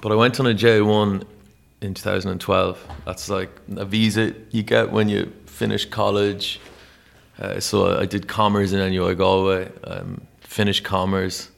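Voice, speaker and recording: An Irish musician in his thirties spins a long anecdote. His voice sits low and gravelly, and he rambles along with plenty of filler. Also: moderate pace. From Ireland. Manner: rambling, animated storyteller with many "like"s. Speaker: guest, musician. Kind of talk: casual storytelling interview.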